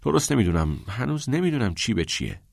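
A doubtful teenage schoolboy, puzzled and insistent, his questions pitched above the reader's own voice, as a man acts him out. The sound is dry and close. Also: big pitch swings, vocal fry, dry recording. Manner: questioning, uncertain.

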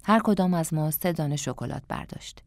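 A woman narrating an audiobook in a calm, reflective storytelling manner. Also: low-pitched, creaky, dry recording, studio quality.

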